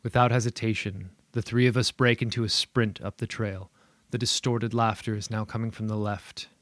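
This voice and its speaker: A man reads a first-person horror story in a steady, measured way. His voice sits low. The recording is dry and close, with no room around it. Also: dry recording. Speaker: narrator.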